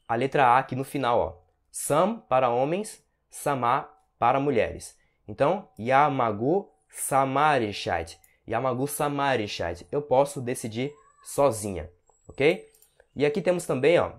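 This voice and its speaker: A man teaches Russian to beginners at a mid pitch. He talks in a relaxed, explaining way and drops to a slow, careful pace whenever he says a Russian word or phrase. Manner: explains patiently, slows down sharply for Russian examples. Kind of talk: language lesson.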